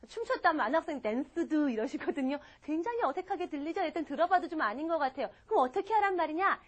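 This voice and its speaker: Woman, English teacher, high pitch, patient and repetitive, models sentences and sounds. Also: expressive. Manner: patient, explains slowly and repeats example sentences; models sounds with short whispered consonants. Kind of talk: recorded English grammar lecture.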